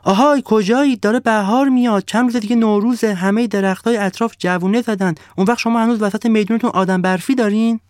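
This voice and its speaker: A man's voice: sits high, few pauses, darkish tone, dry recording, clean studio sound, voice pushed up, natural voice. A man voicing the sun in a storybook tale, exclaiming in surprise and pleading with villagers. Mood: astonished. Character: the sun, bright and warm-hearted, later saddened.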